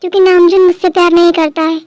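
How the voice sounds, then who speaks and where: A proud, stubborn elder sister in a fan dub drama, sharp and dismissive, as a very high-voiced dubber puts her on. The voice is very high and recorded completely dry. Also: level tone, fast, no room sound. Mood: defensive.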